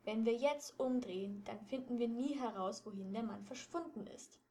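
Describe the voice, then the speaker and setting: A woman's voice: fairly high pitch, normal speed, mellow, natural voice. A woman voicing a stubborn, commanding teenage boy who leads a trio of detectives. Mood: bossy, insistent. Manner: insistent, commanding.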